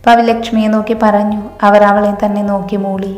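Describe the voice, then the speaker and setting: A woman reading a story aloud in a calm, measured way. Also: medium pitch. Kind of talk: scripted story narration. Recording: roomy hall reverb, faint music.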